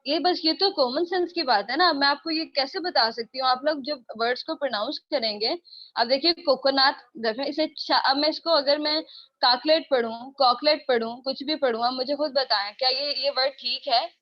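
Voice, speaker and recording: A young woman teaches English in a live online class, talking briskly and a little scolding as she repeats her points over and over. Her voice sits high. The audio is dull and lo-fi.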